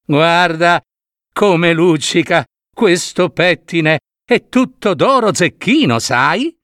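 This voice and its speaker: A man's voice: animated, slow pace, a bit bright, no echo, studio quality. A man voicing a sly old peddler woman in a storybook reading, calling out her wares and coaxing sweetly. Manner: shrill hawker's calls, coaxing.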